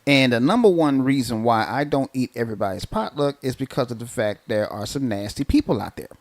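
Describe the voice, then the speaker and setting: A man's voice: medium pitch, lively intonation, brisk. Southern-accented man, blunt country-boy talk. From southern United States. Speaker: podcast co-host and musician. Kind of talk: casual chat.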